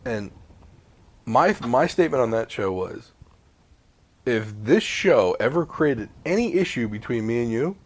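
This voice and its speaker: A man in his mid-forties co-hosting a casual podcast chat, talking in animated bursts, cursing freely and restarting his sentences as he rambles. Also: medium pitch, a little slow, pauses often. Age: 40s. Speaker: podcast co-host. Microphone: home podcast mic with mute button.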